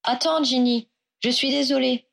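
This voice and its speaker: A woman's voice: high-pitched, fairly even intonation, moderate pace, vocal fry, pitched above the performer's own voice. Woman reading as an earnest young wizard. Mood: apologetic. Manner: polite and apologetic, then heated. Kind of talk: audiobook reading of fan fiction.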